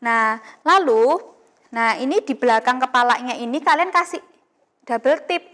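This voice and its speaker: A young woman with a high voice leads a Sunday school class for children over video. She chats and coaxes, drops in fillers, and keeps asking the kids questions. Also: normal speed, a bit bright. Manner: chatty and coaxing, talking straight to children with many fillers.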